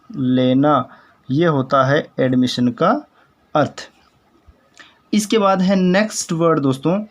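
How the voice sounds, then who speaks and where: A man gives an English pronunciation lesson in Hindi at an unhurried, deliberate pace. His voice sits a little high for a man. He spells words letter by letter and repeats them patiently, calling his viewers friends. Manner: addresses viewers as friends, explanatory. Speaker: English teacher.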